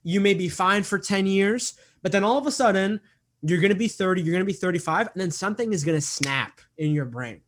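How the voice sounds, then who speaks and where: Brisk and high-voiced, a twenty-something man talks sincerely in a relaxed interview, circling back over the same points and plugging gaps with "um" and "like".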